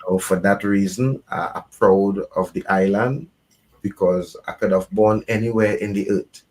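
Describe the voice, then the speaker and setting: A man from Trinidad and Tobago, a reggae artist and guest, speaking at length in a measured, earnest way. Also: on the low side, steady tone, a little mellow. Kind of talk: reflective conversation.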